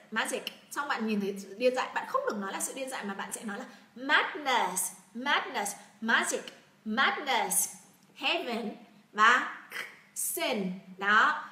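A woman's voice: a little high, sharp tone, reverberant. A woman from Vietnam teaching an English pronunciation lesson, repeating words and prompting her learners to say them aloud.

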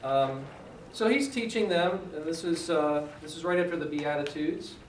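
A man's voice: on the high side, moderate pace, slight background noise. Man leading a church class, roomy. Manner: conversational, asks the class questions, joking. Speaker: class leader. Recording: echoey room, mic far off.

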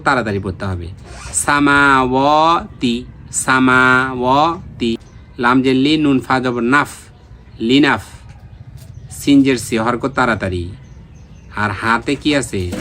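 A man's voice: mid-range voice, fairly bright tone, a little hiss or hum. A man teaching Quran recitation online, patiently repeating letter names and drilling pronunciation. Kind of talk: online Quran reading lesson.

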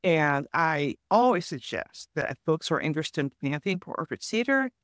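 Measured woman explaining forest health. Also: low-pitched, big pitch swings, dry recording, studio quality. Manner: measured, explanatory advice-giving. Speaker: forest health guest expert. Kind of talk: podcast interview.

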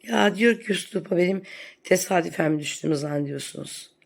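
A woman's voice: lowish voice, brisk, vocal fry. A woman vlogger delivering a sarcastic, scolding rant in a commentary vlog.

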